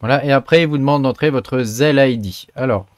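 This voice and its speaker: A man hosting a software tutorial, chatting through each step with many filler sounds. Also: mid-range voice, a little fast, no echo, clean studio sound. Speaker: tutorial host. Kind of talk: screen-recorded software tutorial.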